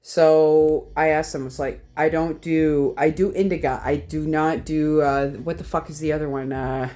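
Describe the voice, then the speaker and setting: Rambling, profane Canadian woman vlogger. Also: normal speed. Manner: rambling, profane, animated jumps in pitch. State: tipsy from whiskey. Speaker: vlogger, horror collector. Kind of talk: casual storytelling vlog.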